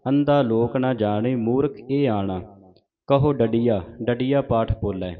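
Slow, measured Punjabi man reciting. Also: mid-range voice. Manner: recites verses line by line, pausing to correct pronunciation. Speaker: scripture recitation teacher. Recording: dull lo-fi recording.

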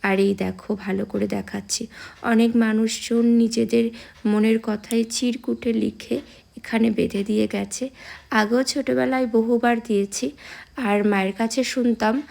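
A young woman chatting casually to her viewers in a vlog, her voice a little hoarse from a cold, speaking outdoors on a phone camera. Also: on the high side, steady tone, unhurried, a little mellow. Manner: chatty, addresses viewers directly. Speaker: vlogger. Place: temple grounds outdoors.

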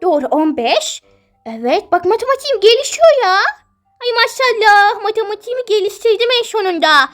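A woman's voice: very high-pitched, big pitch swings, fairly quick, soft background music. A woman voicing a dreamy, defensive teenage girl in a toy-game role-play, whiny and protesting. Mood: proud.

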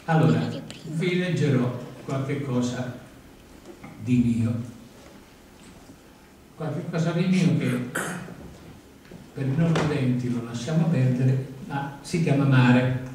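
An older man reading his poetry and chatting between poems at a panel table in a large lecture hall, with emphatic pauses and hesitant asides, recorded by a distant camera. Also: mid-range voice, warm tone. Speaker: poet reading at a book event. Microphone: far camera. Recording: very echoey hall from far off, faint noise.

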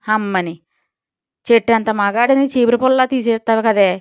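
A man's voice: very high-pitched, steady tone, moderate pace, smooth, no room sound. A woman voicing a vain, blustering middle-aged rich father who grumbles and scolds, in a Telugu audio story. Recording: dull lo-fi audio.

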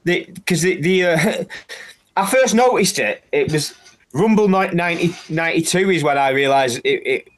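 A man's voice: a little high, animated, normal speed. A middle-aged man co-hosting a casual podcast, telling wrestling stories and laughing along as he goes. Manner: storytelling, laughs through his anecdotes. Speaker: podcast co-host. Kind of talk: casual chat.

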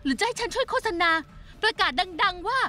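A woman's voice: extremely high pitch, lively intonation, fairly quick, pushed and bright, soft background music, heavily acted. A woman dubbing a young shopkeeper who demands an explanation sarcastically, in a Thai TV drama dub. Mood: demanding.

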